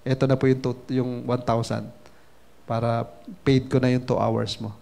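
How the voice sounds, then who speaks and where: A man's voice: medium pitch, level tone, moderate pace, gravelly, dark tone, pitched below the performer's own voice, lightly acted. A man voicing a young child who politely pleads for their father's time, told within a seminar story. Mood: hopeful.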